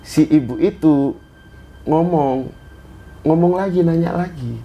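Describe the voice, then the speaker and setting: A man's voice: on the high side, slow, highs cut off. A man from Indonesia telling a story in a casual chat, in short bursts of phrases. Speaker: guest storyteller.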